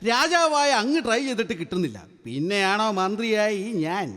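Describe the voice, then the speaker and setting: A man's voice: high-pitched, animated, moderate pace, in a large hall, over loud music. A man playing a bumbling, scheming royal minister in a live stage comedy skit, giving sly, mumbled punning replies.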